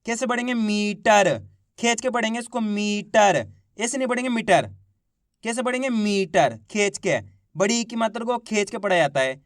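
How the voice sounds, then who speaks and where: A man teaching children to read, sounding out each syllable loudly before blending the word, then coaching viewers as friends. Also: very high-pitched, quick pace, no echo, studio quality. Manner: addresses viewers as friends, coaxing and repetitive. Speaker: Hindi reading teacher. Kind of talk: slow syllable-by-syllable reading lesson.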